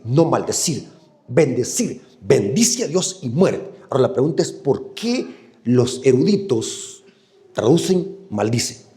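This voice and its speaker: Salvadoran preacher man, mellow and animated. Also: medium pitch. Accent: Salvadoran Spanish. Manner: animated, asks the congregation questions. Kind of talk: sermon.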